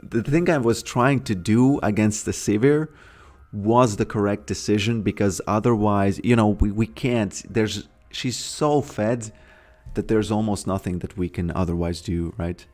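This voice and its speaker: A man from Latvia, streaming a game and chatting casually in a halting way, repeating words and filling pauses. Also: on the low side, darkish tone. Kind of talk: casual live-stream chat.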